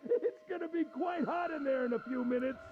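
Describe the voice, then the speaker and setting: An actor playing a sinister adult gentleman villain in a video game, falsely polite, taunting and cruel. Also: very high-pitched, fairly quick, narrow, tinny audio.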